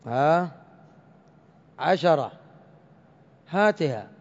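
A man teaching a grammar lesson to a class, speaking deliberately and repeating each word for his students. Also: a little high, animated. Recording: dull lo-fi recording in a reverberant hall.

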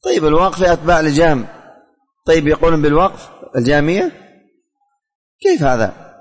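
A man's voice: a little high, very animated, fairly quick, big-room sound, soft background music. A man teaching a religious studies class, calling on students by name, asking questions and repeating the answers.

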